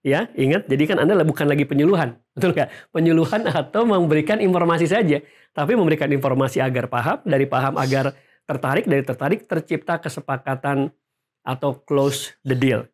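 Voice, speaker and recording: A male sales trainer speaks in a lively, coaching way, addressing viewers directly. His voice sits somewhat above the usual male range. He lists the points and checks in with the listeners as he goes. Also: on the high side, a little fast. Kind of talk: instructional video talk to camera.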